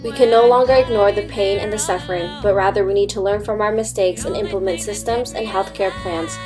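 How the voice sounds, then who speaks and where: A woman's voice: mid-range voice, steady tone, a little fast. Earnest young woman narrating over music. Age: young adult. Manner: earnest, read-aloud delivery. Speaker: student narrator. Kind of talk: scripted documentary narration. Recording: music bed under voice.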